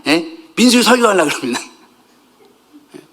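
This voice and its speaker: A middle-aged male pastor giving a conversational sermon, animated, jumping between loud outbursts and soft asides and joking with the congregation. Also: high voice, moderate pace.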